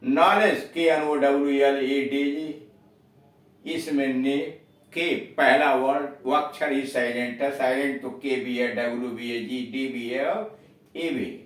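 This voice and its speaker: A man's voice: medium pitch, steady tone, measured pace. A man teaching English spelling and pronunciation in Hindi, spelling words out letter by letter and giving each meaning. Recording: very echoey room, voice from a distance.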